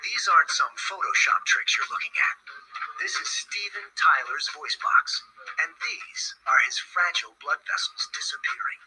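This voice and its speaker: A man's voice: fairly high pitch, expressive, moderate pace, bright, forceful tone, husky, soft background music, poor audio. A man giving dramatic, emphatic scripted documentary narration.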